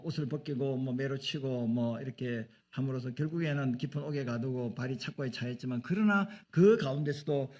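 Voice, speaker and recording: Korean pastor preaching, acting out dialogue. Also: male voice, mid-range voice, a little mellow, highs cut off. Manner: asks the congregation questions and acts out dialogue. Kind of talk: sermon.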